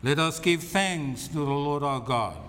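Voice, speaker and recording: A man's voice: fairly high pitch, unhurried, fairly bright tone, slight background noise. A man reciting a communion liturgy as minister, solemn and formal, phrase by phrase, with a cathedral-like echo. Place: large reverberant church. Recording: long cathedral-like echo, reverberant hall.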